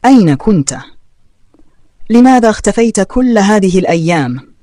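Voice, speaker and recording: A man's voice: a little high, moderate pace, no echo, close to an everyday voice. A man reading the lines of a betrayed young adult sister who speaks sharply and firmly to her brother in a spoken story. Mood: indignant. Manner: sharp, firm.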